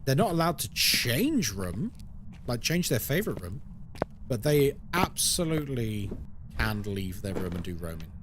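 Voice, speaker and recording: A man over 20 from London, with a London English accent, chats casually with viewers on a live stream while explaining the game he plays and answering chat. His medium-pitched voice is very animated and a little slow, with background noise present.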